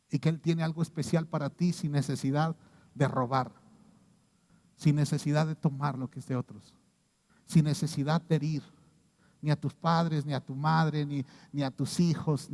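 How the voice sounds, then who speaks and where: A man's voice: on the high side, creaky, darkish tone, long reverb tail. A man with a Mexican Spanish accent preaching a sermon as pastor, telling stories and acting out the people he quotes.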